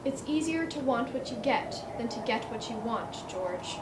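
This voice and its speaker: A woman plays a kindly, slightly flustered male guardian angel on a stage, coaxing in a high voice. The sound is roomy and picked up from far off, with a steady hiss of noise underneath. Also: normal speed, close to an everyday voice. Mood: gentle. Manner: patient, coaxing, a little flustered. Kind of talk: amateur stage acting. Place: theatre stage. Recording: echoey stage heard from afar, noisy.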